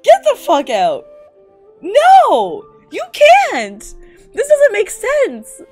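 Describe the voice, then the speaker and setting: Faint music sits behind a very high, somewhat dark voice that swings hugely in pitch and draws out its words. It belongs to a young woman streaming, not a native English speaker, who reads fan fiction aloud and reacts with slangy, profane, giggly frustration.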